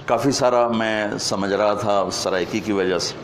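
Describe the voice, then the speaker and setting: A man's voice: on the low side, steady tone, slight background noise. A man preaching a sermon and telling stories with emotional, swelling delivery. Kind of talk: sermon storytelling.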